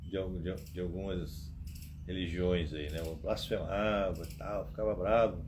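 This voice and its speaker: Low-voiced man telling anecdotes. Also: steady tone, moderate pace. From Brazil. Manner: rambling anecdotes, acts out dialogue, frequent tag questions. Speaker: host. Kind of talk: casual live-stream storytelling. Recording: muffled live-stream audio with background noise.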